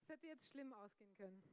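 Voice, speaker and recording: A young woman preaching a lively youth sermon, energetic and joking with the audience, laughing often. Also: high voice.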